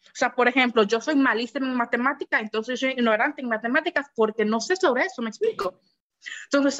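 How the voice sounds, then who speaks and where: Young woman, frank podcast chatter, slightly high voice, dull lo-fi sound. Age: 20s. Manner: frank, animated, acts out quoted voices. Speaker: podcast co-host. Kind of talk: casual podcast chat.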